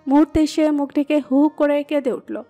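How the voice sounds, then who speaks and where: A woman narrating a romantic audio story in a steady, expressive reading. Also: high voice, moderate pace. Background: soft background music.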